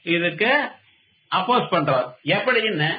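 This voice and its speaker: High-voiced man giving a spiritual discourse. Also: lively intonation, a little slow. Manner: chants verses, then explains with rhetorical questions. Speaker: Vedanta teacher. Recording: dull lo-fi recording.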